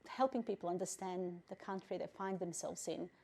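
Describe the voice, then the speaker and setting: A refugee council president from Bosnia, middle-aged and female, handles interview questions in a measured, thoughtful way, pausing often and filling gaps with fillers. She has a fairly low, creaky voice with a darkish tone.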